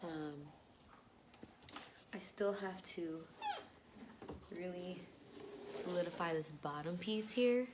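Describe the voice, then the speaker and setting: Woman, casual vlog chat, slangy and offhand, half-whispered asides, lower voice, clear background noise. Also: lively intonation, slow pace, long pauses. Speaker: vlogger.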